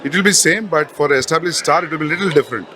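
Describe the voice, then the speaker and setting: A man's voice: fairly high pitch, expressive, rapid-fire, pushed and bright. Terse Indian man amid crowd noise. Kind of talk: brief red carpet interview answers. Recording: noisy outdoor crowd.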